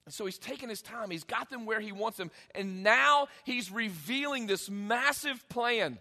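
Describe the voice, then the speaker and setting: A man preaches a conversational sermon from the pulpit and slips into the voices of the people in his story. His voice sits very high, bright and forceful, and it rings out with a long hall reverb. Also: animated, moderate pace, gravelly. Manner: conversational preaching, acting out biblical dialogue. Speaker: pastor.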